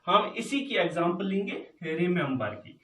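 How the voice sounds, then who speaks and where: A man explains punctuation at an unhurried pace, going over each word more than once. His voice sits high, and the room carries a noticeable echo. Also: sing-song, fairly bright tone, distant mic. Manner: slow, repeats words, mixes English and Hindi. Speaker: teacher. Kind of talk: classroom lesson on punctuation. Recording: echoey room, voice from off-mic.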